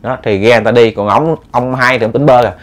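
A man with a Southern Vietnamese accent tells a ghost story in a relaxed, conversational way. He speaks straight to his listeners and acts out the lines he quotes. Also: mid-range voice, fast talker. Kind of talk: casual storytelling.

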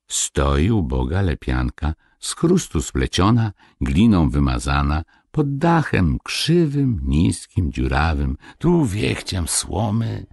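Deep, husky male storyteller. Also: no echo, clean studio sound. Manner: slow, melodic, theatrical. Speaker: audiobook narrator. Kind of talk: expressive storybook narration.

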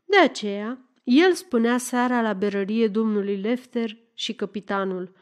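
A woman reading a classic short story aloud as narrator, in a lively, expressive way. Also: fairly high pitch. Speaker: audiobook narrator. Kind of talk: scripted narration.

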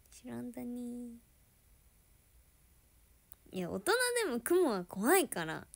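A woman chatting casually with viewers on a livestream, giggling often and sometimes dropping to a soft murmur. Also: fairly high pitch.

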